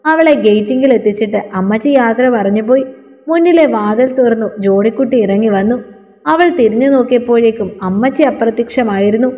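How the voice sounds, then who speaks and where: A woman storyteller narrating a scripted story in a steady, even reading. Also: fairly high pitch, moderate pace. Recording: long reverberant echo.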